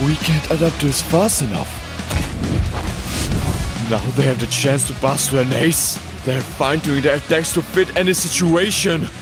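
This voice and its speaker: A tense young soccer player , voiced by a man in a fan-made animation, talks in short, clipped lines. His voice sits a little high. Loud soundtrack music plays right under him.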